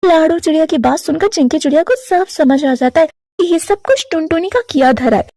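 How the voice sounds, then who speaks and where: High-voiced woman narrating a cartoon story. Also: animated, a little fast, warm tone, dry recording, studio quality.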